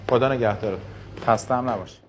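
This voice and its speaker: An actor playing a calm, obliging man arranging work, measured and polite in film dialogue. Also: medium pitch, lightly acted, poor audio.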